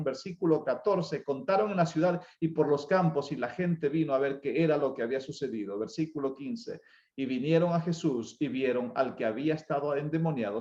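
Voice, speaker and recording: A man preaching an evangelistic sermon, his voice pitched a little high. He swings from loud, urgent calls down to hushed, slowed passages. The sound is roomy and slightly dull, as in a church hall. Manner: impassioned preaching with dramatic swings of pitch and loudness. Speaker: pastor.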